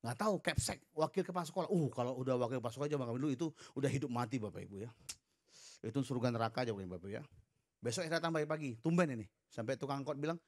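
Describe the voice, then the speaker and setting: A man's voice: mid-range voice, rapid-fire. A middle-aged male pastor preaching a sermon, leading the congregation in response and telling humorous stories. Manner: lively storytelling with humorous asides to the congregation; leads the congregation in call-and-response.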